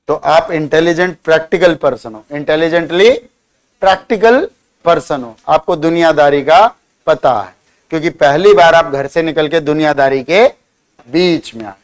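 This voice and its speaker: A man's voice: on the high side, moderate pace. A man teaching a vocabulary lesson in a classroom, spelling words out letter by letter, quizzing and teasing his students. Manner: teasing, scolding banter with students. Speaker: English teacher.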